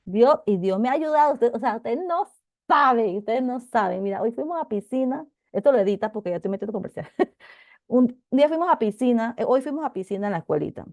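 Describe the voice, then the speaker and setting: A middle-aged woman teaching a Bible class, talking in an animated, chatty way with many asides and restarts. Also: on the high side, fast talker, dry recording, clean studio sound. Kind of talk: casual testimony in a Bible class.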